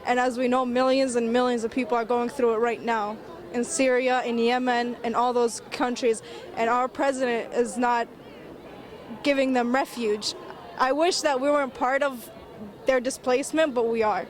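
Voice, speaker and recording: High-voiced earnest woman from Iraq. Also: steady tone, normal speed. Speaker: interviewee at a protest. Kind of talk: street interview. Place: outdoor street protest.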